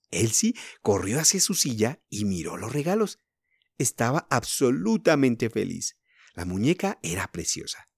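Expressive storyteller man. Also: mid-range voice, dry recording, clean studio sound. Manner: expressive, addresses young listeners. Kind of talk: children's story reading.

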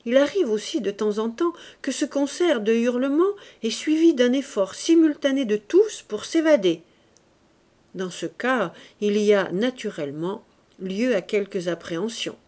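A woman reading a classic tale aloud as an audiobook narrator, slow and measured, giving the characters' dialogue its own delivery. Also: fairly high pitch, expressive, dark tone. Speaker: audiobook reader. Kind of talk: scripted narration.

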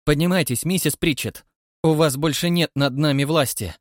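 A man reading an audiobook voices a thin, prim spinster woman who speaks calmly, mildly and with quiet menace. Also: mid-range voice, fairly quick, dry recording, clean studio sound, lightly acted. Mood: pleased. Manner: calm, mild, quietly menacing.

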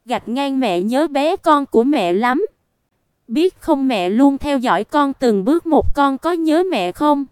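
A woman's voice: high-pitched, animated, measured pace, darkish tone, dry recording, studio quality. Woman reading as a tearful pleading mother.

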